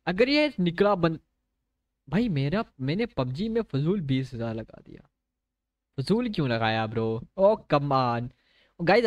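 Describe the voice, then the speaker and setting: Male gaming streamer, mid-pitched, chatty running commentary to viewers, dry close recording. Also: dry recording. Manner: chatty, keeps talking to viewers, mixes in English phrases. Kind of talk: live gameplay commentary.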